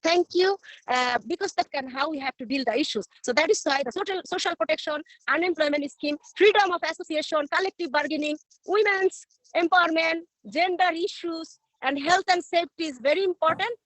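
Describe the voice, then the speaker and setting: A woman with a high voice over breaking-up call audio. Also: fairly bright tone, no room sound, rough recording. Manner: earnest, halting, lists demands one after another. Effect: choppy video-call audio with the connection breaking up. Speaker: labor rights advocate for garment workers. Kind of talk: panel speech on a video call. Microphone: computer or phone mic on a video call.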